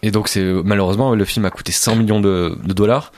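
A man's voice: fairly low pitch, fairly even intonation, a little fast, a little mellow, no echo. A man discussing films in a casual talk, explaining his points fluently. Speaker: film critic.

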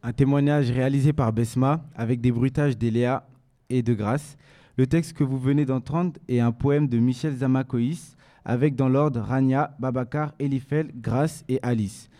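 A man's voice: mid-range voice, steady tone, normal speed, mellow. A teenage boy hosting a student radio show in a casual, joking way. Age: late teens.

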